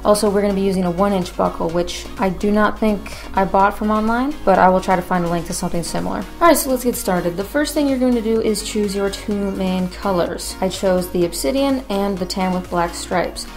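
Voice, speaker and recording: A woman's voice: mid-range voice, a little fast, few pauses. Casual woman hosting a craft tutorial over music. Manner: informal, conversational. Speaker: tutorial host.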